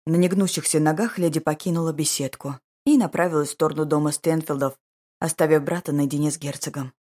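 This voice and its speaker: Low, husky woman reading an audiobook. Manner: slow, even, measured reading. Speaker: audiobook narrator. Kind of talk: scripted narration of a romance novel.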